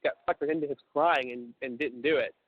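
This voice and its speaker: A man's voice: mid-range voice, brisk, dry recording. A young man telling a long story over a prison phone call, cursing freely and stumbling over restarts. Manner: profane, stammering restarts, acts out quoted voices. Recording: tinny prison phone line.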